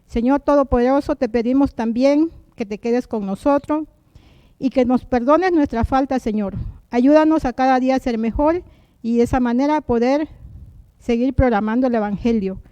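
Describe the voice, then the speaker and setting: A high-voiced woman leads a church service, speaking softly and earnestly as she welcomes listeners and prays. Her tone is mellow and warm, and the sound is close and dry with no room echo. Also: normal speed, clean tone, muffled recording. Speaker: service host and prayer leader. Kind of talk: church welcome and spoken prayer.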